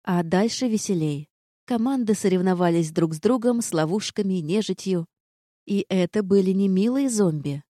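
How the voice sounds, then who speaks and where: A woman reading a fantasy story aloud in the first person, calm and even in her storytelling. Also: mid-range voice, moderate pace, no room sound, studio quality. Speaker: audiobook narrator. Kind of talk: first-person audiobook narration.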